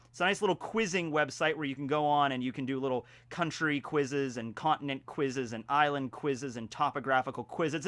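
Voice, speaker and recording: A man talking casually in a home vlog, with playful mock-grandiose announcing, theatrical emphasis and drawn-out words. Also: a little high, pushed and bright, no echo. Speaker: vlogger. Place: indoors at home.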